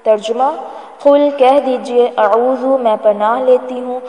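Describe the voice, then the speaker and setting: A woman teaching an online tajweed lesson, explaining pronunciation and chanting verses slowly. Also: fairly high pitch, steady tone, dark tone, roomy sound, long reverb tail. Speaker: Quran recitation teacher.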